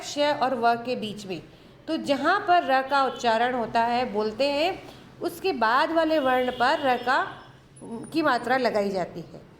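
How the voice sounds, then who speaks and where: A woman teaching a Hindi grammar lesson, going slowly through word lists and saying each word twice. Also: sits high, echoey room, a little hiss or hum. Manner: slow, deliberate, repeats each word twice.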